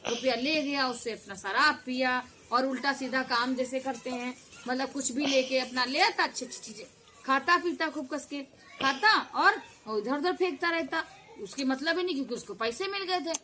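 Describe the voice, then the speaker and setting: A woman telling a children's folk tale in an animated way, with sound effects and acted voices. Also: sits high, moderate pace, a little hiss or hum. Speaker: storyteller.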